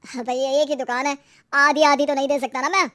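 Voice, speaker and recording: A woman's voice: high-pitched, fairly quick. A woman voicing a blunt male shopkeeper in a cartoon. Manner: flat, businesslike refusal. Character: middle-aged male shop owner, blunt and matter-of-fact.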